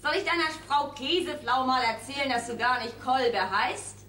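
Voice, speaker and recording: A woman's voice: sits high, bright, forceful tone, slight background noise. An actress playing a clingy, theatrical young woman, pleading and reproachful, recorded live on a roomy stage from a distance. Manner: pleading, theatrical, quick to tears. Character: clingy, dramatic young woman, jilted girlfriend.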